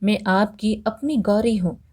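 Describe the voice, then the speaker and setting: A woman's voice: medium pitch, unhurried, a little mellow, close to an everyday voice. Woman voicing a scheming impostor bride. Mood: pleading. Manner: sly, pleading to her father.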